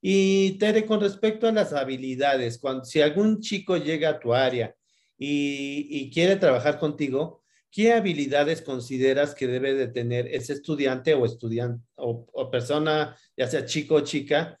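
Male interviewer, Mexican Spanish accent, friendly, halting, repeats words. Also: on the high side, darkish tone. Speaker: interviewer, professor. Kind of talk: interview questions.

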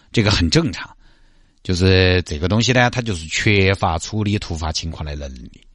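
A man's voice: sits low, no room sound, studio quality. Man casually explaining a skit.

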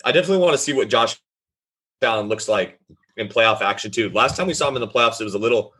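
A man co-hosting a casual sports talk show, energetic and enthusiastic, talking in long runs. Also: on the low side, quick pace, slightly rough. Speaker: sports podcast co-host.

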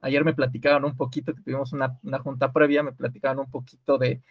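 A man's voice: mid-range voice, flat delivery, fast talker, muffled recording, a little hiss or hum. Mexican man hosting a casual chat. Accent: Mexican Spanish. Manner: curious, asks lots of questions, hesitant restarts. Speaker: host. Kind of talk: casual group chat on a call.

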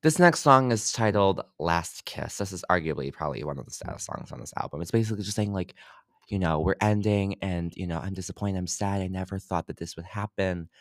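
A man's voice: low voice, a little fast, no room sound, clean studio sound. A young man hosting a casual music review podcast, loose and chatty with lots of fillers. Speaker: podcast host.

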